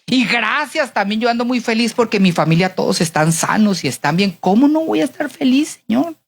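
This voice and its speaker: A woman's voice: a little high, animated, brisk. A woman playing a cheerful grateful servant.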